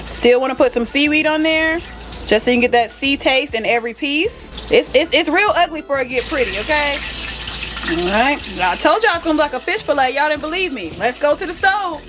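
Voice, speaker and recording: Over music, a cooking vlogger chats casually with her viewers, calling them "y'all" and filling her speech with fillers. Her voice sits high and is expressive, moving a little fast.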